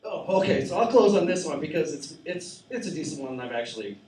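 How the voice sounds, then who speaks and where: A man's voice: a little high, lively intonation, quick pace, a little mellow. A man in his forties doing an open-mic stand-up set in a small cafe, rambling, profane and mocking himself. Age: 40s. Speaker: stand-up comedian. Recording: echoey room, mic at a distance.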